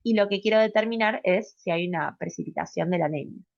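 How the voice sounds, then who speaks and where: A woman's voice: lowish voice, fast, vocal fry, a little mellow, no room sound, muffled recording. A woman giving a recorded medical class lecture, explaining step by step and often checking in with a rising "¿sí?". She uses fillers and corrects herself mid-word. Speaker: pediatric residency lecturer.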